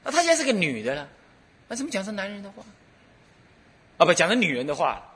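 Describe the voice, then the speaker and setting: A man's voice: high-pitched, fast talker. A middle-aged man with a Taiwanese Mandarin accent, a Buddhist abbot giving a dharma talk full of stories, laughing and acting out the dialogue. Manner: animated storyteller who laughs and acts out dialogue.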